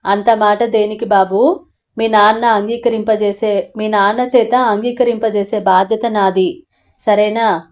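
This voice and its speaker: A woman voicing a gentle, worried middle-aged mother who soothes her son and pleads with her husband, in a storybook audio novel. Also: mid-range voice, flat delivery, a little slow, natural voice. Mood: soothing.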